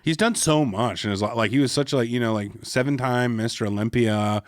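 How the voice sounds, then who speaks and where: A man's voice: medium pitch, normal speed, dry recording, clean studio sound. A young man from California co-hosting a podcast in a casual, joking chat, full of likes and easy laughs. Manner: joking, laid-back, lots of likes and laughs. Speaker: podcast co-host.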